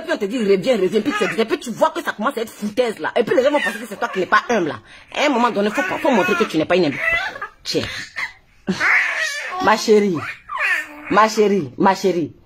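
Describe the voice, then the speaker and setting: Over a noisy background, a slightly high female voice with an Ivorian French accent rants heatedly. She's a blogger on a Facebook live stream, talking into her phone, laughing often as she mocks and scolds.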